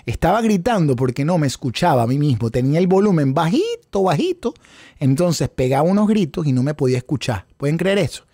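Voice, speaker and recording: A man's voice: on the high side, a little fast, no echo, clean studio sound. A man teaching a live-streamed trading class, chatting with viewers and thanking them, wearing headphones at a home setup. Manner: lively, animated, chatty with viewers, thanks super chats. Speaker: trading instructor. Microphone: headphones with mic.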